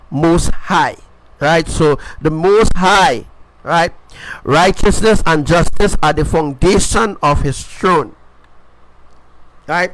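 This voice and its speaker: A man's voice: on the high side, fairly bright tone, clean tone, no room sound, rough recording. A man preaching an informal sermon, emphatic and repetitive, often checking in with his listeners. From Caribbean.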